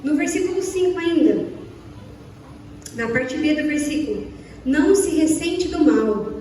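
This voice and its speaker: In a reverberant church hall, a young woman from Brazil preaches, asking her listeners question after question and performing little dialogues. She has a high, mellow voice with lively intonation, a measured pace, and a Brazilian Portuguese accent. The mic is far off, and there's slight background noise.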